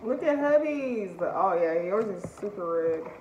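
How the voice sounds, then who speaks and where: A woman's voice: mid-range voice, expressive, measured pace. A woman hosting a casual food challenge vlog, chatting to viewers. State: teary from spicy food. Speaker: vlogger. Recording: roomy, slightly dull, faint noise.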